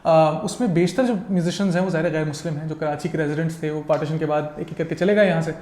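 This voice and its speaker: A guest critic gives long, detailed explanations in a conversational style, slipping into English mid-sentence. The man's voice is fairly high and darkish, with fairly even intonation and a quick pace, recorded with a roomy echo.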